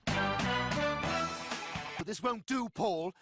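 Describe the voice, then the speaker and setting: Brief: a cartoon psycho superfan, high, swooping sing-song menace, dry close sound. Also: male voice, wildly swooping pitch, very slow, creaky, over loud music, full character voice. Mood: fussy. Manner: sing-song, mock-polite, fussy. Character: deranged obsessive male superfan, petty and menacing. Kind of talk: cartoon voice acting.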